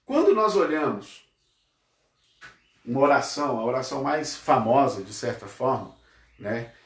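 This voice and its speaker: A Brazilian man teaching a Sunday school lesson, telling a story in a conversational way with frequent tag questions and slowing down to stress points. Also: mid-range voice, very animated, echoey room, distant mic. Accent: Brazilian Portuguese. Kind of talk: storytelling sermon. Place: church hall.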